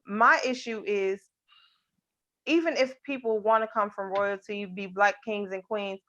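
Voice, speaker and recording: A woman's voice: mid-range voice, a little slow, fairly bright tone, muffled recording. A woman in a heated debate, insistently breaking in to press her point. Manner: insistent, repeats "but" to break in. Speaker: panelist.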